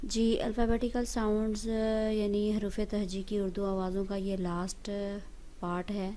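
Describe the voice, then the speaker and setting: A woman's voice: mid-range voice, level tone, warm tone. A woman giving a patient, step-by-step language lesson, often checking in with "right?". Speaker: English teacher.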